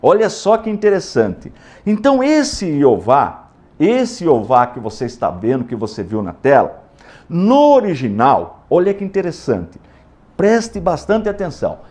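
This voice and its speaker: Lively high-voiced Brazilian pastor teaching. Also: male voice, unhurried. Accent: Brazilian Portuguese. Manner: emphatic, repeats words, spells out letters and sounds. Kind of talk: teaching a Bible lesson.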